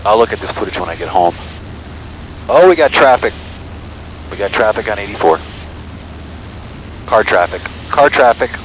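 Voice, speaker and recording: The recording is poor, dominated by loud cabin noise from a small airplane. A man with a lowish voice and lively intonation talks at normal speed, pausing often. He's a private pilot and aviation vlogger flying the plane, giving clipped radio calls and casually narrating into his aviation headset.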